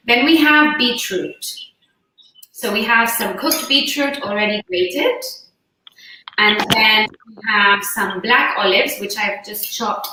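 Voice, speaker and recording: A woman's voice: fairly high pitch, pushed and bright. A woman hosting a live cooking demonstration from her kitchen. She talks through each step in a chatty, friendly way. She sits a little away from the phone or laptop mic, and her voice is heard through a heavy echo, like a big hall. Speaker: cooking host. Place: home kitchen on a video call. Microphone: phone or laptop mic set a little away from her. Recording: very echoey room with faint hiss.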